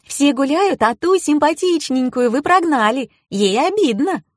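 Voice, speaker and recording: Woman doing gushing young woman, very high squeals, bouncy swoops, dry close sound. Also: expressive, a little slow, dry recording. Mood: reproachful. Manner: squealing, cooing over animals.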